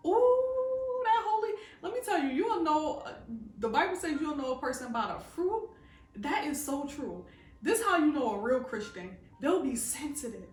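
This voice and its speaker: A woman's voice: high-pitched, expressive, normal speed, darkish tone, reverberant, distant mic, faint music behind. A woman giving a fervent, preachy faith talk to camera, calling her listeners "baby" and asking if they hear her. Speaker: faith vlogger.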